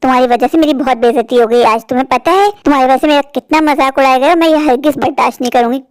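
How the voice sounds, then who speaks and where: A woman's voice: high voice, very fast, clear, resonant tone, dry recording, close to an everyday voice. A woman doing a spoiled, scornful stepsister. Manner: scornful, scolding. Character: spoiled, cruel teenage stepsister. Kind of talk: cartoon voice acting.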